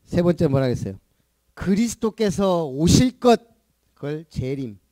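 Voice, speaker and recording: A man's voice: on the high side, sing-song, unhurried, dark tone, no room sound, clean studio sound. A male pastor preaching a sermon, asking the congregation questions and playfully imitating a regional dialect. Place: church.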